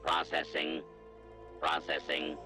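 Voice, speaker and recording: A man voicing a male computer security system that announces its processing in a flat, mechanical way, in a video game. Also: very deep voice, takes it slowly, music in the background.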